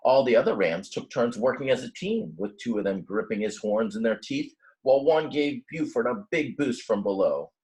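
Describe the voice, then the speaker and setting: On a rough recording, a slightly mellow, mid-range male voice reads a children's story with lively intonation at a moderate pace, barely pausing. Like a teacher, he expressively explains words in plain, casual asides.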